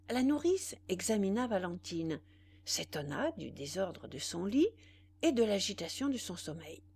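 Woman narrator, classic novel audiobook, very slow, mid-pitched, dramatic. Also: darkish tone, a little hiss or hum.

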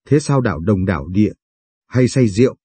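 A man voicing a flustered young country wife in a storybook reading, asking worried questions, with a husky, mellow voice pitched up a little. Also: lively intonation, a little fast, dry recording.

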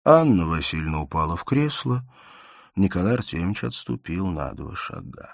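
A man narrating a classic novel in a measured, lowered reading voice. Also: big pitch swings, vocal fry, dry recording, clean studio sound. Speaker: audiobook narrator. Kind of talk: scripted literary narration.

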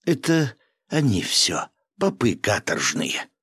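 A timid village priest pleads and wails in a plaintive storybook voice, as a male reader puts him on. His tone sits a little higher than the narration, but it stays deep and dry. The room sound is close and dead. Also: sing-song, slow pace, fairly bright tone, slightly rough, no room sound, full character voice. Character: timid, pleading poor village priest, middle-aged man.

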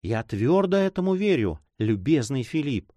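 A man's voice: medium pitch, sing-song, normal speed, warm tone, no echo, close to an everyday voice. A man reading aloud and voicing a young woman in love, anxious and devoted, in a pleading, fearful, tender manner.

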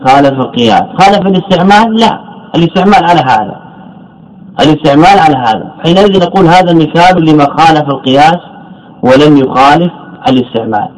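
A man whose voice is slightly high teaches Arabic morphology as a sheikh, explaining a text in a classroom lecture on a low-quality recording. His style is to ask the class something, answer it himself, and repeat the main words.

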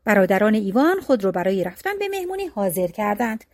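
A woman storyteller reading a folk tale aloud in an expressive, lilting narration. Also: medium pitch, no room sound, clean studio sound.

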